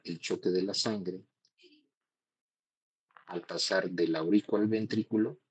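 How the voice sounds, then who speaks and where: Gravelly low-voiced male lecturer. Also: rough recording. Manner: explains step by step, checks in with ¿no? and ¿sí?. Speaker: cardiology lecturer. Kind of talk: classroom lecture.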